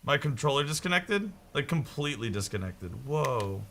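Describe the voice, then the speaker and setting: A young man streaming a game, chatting casually and joking in a rambling way with sudden excited yelps. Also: medium pitch, normal speed, a little hiss or hum. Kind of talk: casual chat while gaming.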